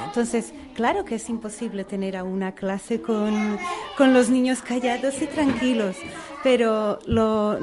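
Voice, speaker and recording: Lady teacher talking in spanish, a bit high voice, thinks as she talks. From Portugal. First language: Portuguese. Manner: thoughtful, searching for words. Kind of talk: explanatory interview answers.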